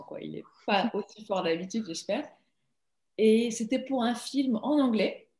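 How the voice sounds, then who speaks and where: A woman's voice: medium pitch, darkish tone, roomy sound. A young woman from Belgium, an actress, chatting casually and laughing often in an interview over a video call.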